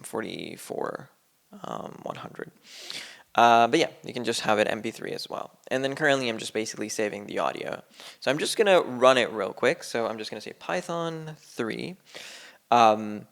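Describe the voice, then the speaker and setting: Recording his screen at a computer, this coding instructor talks loosely through a tutorial, full of fillers and rambling. His voice is on the low side and gravelly, yet fairly bright in tone.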